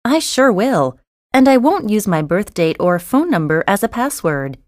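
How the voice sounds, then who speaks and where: A woman voicing the female parts of a school listening test, clearly enunciated and conversational. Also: medium pitch, sing-song, moderate pace, a little mellow, no echo. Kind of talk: scripted test dialogue reading. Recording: dry studio recording.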